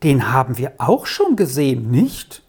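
A woman voicing a calm, matter-of-fact lady companion in a storybook reading. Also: a bass voice, a little slow, slightly rough, voice pushed down, full character voice.

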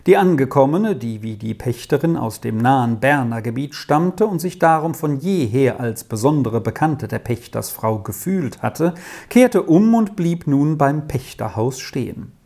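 Calm storybook narrator, mellow voice. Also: mid-range voice, a little slow, creaky. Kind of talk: audiobook reading of a classic story.

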